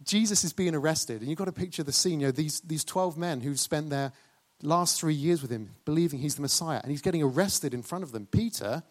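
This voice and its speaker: A man's voice: on the high side, fairly quick, hardly any pauses. A man preaching a sermon, questioning and urging the congregation.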